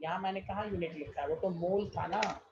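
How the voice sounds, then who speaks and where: A man's voice: high-pitched, brisk, gravelly, a little mellow, highs cut off, slight background noise. A man teaching chemistry in an online class, exasperated and quizzing his students again and again.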